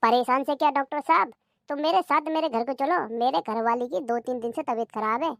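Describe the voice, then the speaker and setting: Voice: high-pitched, fairly quick, no echo, studio quality. A performer voicing a middle-aged village drunk man who grumbles and curses. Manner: grumbling, curses a lot in dialect. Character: rough-talking village drunk man, middle-aged, always craving liquor.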